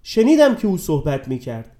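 A man reading a storybook, voicing an excited three-year-old boy who pleads with his mother. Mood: eager, pleading. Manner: high, eager and pleading.

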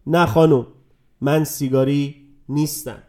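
A man's voice: on the high side, animated, a little mellow, natural voice. A man voicing a sullen stubborn young man. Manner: curt, grumpy.

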